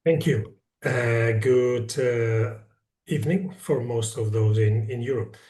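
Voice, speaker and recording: A man's voice: mid-range voice, takes it slowly, mellow. A man from Spain, a family medicine professor, introducing himself with many hesitant fillers. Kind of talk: self-introduction. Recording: echoey room, distant from the mic.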